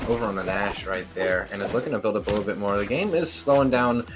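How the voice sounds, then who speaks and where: A man's voice: fairly low pitch, fast talker. A man giving live play-by-play as a fighting game announcer, repeating words as he searches for the next phrase. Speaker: esports match commentator. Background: music playing behind the voice.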